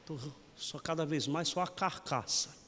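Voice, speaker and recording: A Brazilian man in his forties preaches a joking, folksy homily, teasing his listeners as he goes. His voice sits on the higher side for a man. Long church reverb trails each phrase. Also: a little slow, a bit bright, a little hiss or hum. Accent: Brazilian Portuguese. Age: 40s. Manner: folksy, teasing, keeps saying "meu irmão". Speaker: parish priest. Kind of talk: lively humorous homily.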